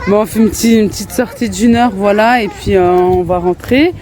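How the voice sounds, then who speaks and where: A woman's voice: mid-range voice, normal speed, a little mellow. A woman in her thirties chatting casually in a family vlog, laughing often and breaking off to talk to her children outdoors. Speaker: family vlogger. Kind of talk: casual vlog chat while out with her kids. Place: outdoors in a park. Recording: faint outdoor street noise.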